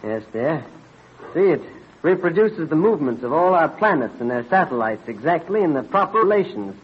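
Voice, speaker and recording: In an old-time radio drama, a male actor plays an earnest, absorbed colonial astronomer husband who explains things eagerly with mild hesitations. His voice is a little high and sing-song at normal speed, on a dull vintage radio recording with slight background noise.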